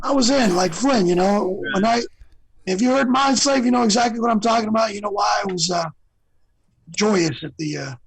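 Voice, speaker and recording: A man's voice: sits high, moderate pace, vocal fry, slightly rough, no room sound, poor audio. A man guest on an interview show, chatting casually and rambling through stories with lots of fillers. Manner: rambling storyteller, many fillers. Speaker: guest singer.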